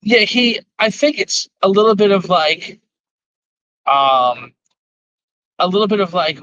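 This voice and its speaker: Brief: male player calling in from a car on speakerphone, slightly higher voice, dull lo-fi line that drops out. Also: measured pace, a bit bright, no room sound. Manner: rambling and thinking aloud. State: talking while driving. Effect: car speakerphone call. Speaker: tabletop game player. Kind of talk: casual chat about a game episode. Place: in a moving car. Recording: dull lo-fi call audio, dropping in and out.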